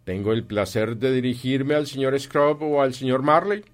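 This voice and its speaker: A man voicing a polite, stout gentleman collecting for charity in an audiobook, formal and courteous. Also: mid-range voice, moderate pace, voice pushed up, lightly acted. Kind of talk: audiobook reading.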